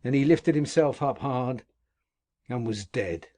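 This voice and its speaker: In an audiobook character reading, a man plays a rough old convict grimly recounting his past in gruff, earthy dialect. His voice is mid-range, a little slow, mellow and natural.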